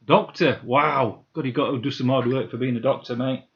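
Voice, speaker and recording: A man's voice: medium pitch, steady tone, brisk, dull audio. A man chats casually on a live stream while building Lego, muttering to himself and answering viewers' comments. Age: 50s.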